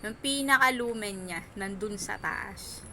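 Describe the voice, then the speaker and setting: A woman with missing front teeth gives an informal hands-on lesson as a medical instructor, in short, halting, repeated phrases. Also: mid-range voice. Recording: noisy room, noise from outside. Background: background noise, child outside.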